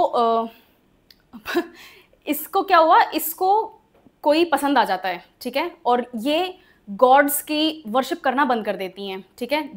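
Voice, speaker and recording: High-voiced woman teaching vocabulary. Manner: explains step by step, spells words letter by letter, asks checking questions. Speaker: English teacher. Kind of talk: exam-prep vocabulary lesson.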